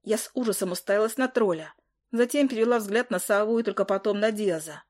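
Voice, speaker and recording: Brief: woman narrator, expressive first-person fantasy audiobook reading. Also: medium pitch, fast talker. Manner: expressive, emphatic.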